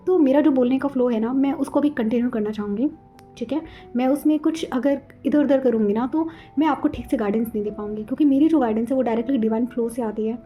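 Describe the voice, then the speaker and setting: A young woman hosting a spiritual channel, talking rapidly and casually to her viewers, mixing in English words and saying "okay" often. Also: on the high side, warm tone, breathy edge. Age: young adult. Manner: rapid, flowing Hindi-English mix, frequent "okay" and "theek hai".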